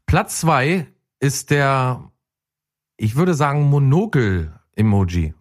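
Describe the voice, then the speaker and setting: Lively teasing man, pitch all over. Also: slow pace. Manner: teasing, laughs often. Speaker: podcast co-host. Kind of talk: casual comedic chat.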